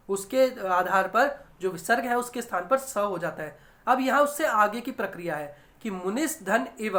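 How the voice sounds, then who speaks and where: A woman's voice: mid-range voice, fairly bright tone. A woman teaching an online grammar lesson, explaining step by step and asking and answering her own questions. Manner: addresses viewers as friends, often says okay.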